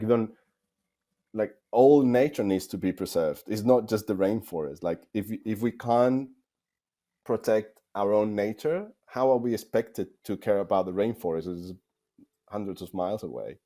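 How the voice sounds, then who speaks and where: At a normal speed, a guest game developer from Spain answers interview questions in a lowish, mellow voice with a Spanish accent. His replies are conversational, thought through aloud, and full of repeats.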